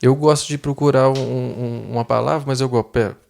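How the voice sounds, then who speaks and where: Gravelly man, flat delivery. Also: mid-range voice, fairly quick, slight background noise. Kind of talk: casual podcast conversation.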